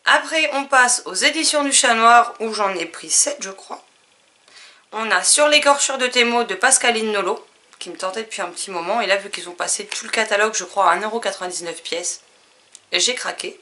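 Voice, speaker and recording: A woman casually listing her new books, chatty and relaxed, with frequent fillers. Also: medium pitch, fairly quick. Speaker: book vlogger. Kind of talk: casual book haul chat.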